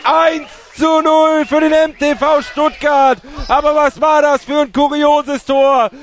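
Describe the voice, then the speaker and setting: Screaming goal commentary from a high-voiced man. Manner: screaming goal commentary, shouting excitedly with drawn-out words. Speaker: sports commentator. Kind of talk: live football commentary.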